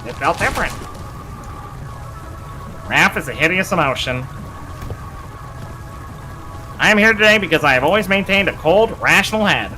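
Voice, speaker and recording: A man's voice: sits high, expressive, a little fast, pauses often, pitched above the performer's own voice, poor audio. A man voicing a callous, arrogant male researcher in formal, haughty speech, reading a video game's dialogue aloud. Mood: cold. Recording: faint game music behind.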